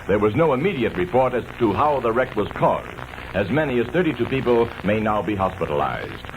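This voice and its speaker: A man's voice: on the low side, very animated, brisk, muffled recording. Male American radio newsreader, 1960s bulletin style, band-limited vintage sound, slight background noise.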